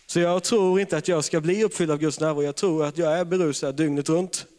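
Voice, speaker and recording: Jovial preacher in an echoing hall. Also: male voice, a little high, steady tone, darkish tone. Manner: humorous storytelling, laughs often. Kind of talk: charismatic sermon. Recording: long reverb of a large hall.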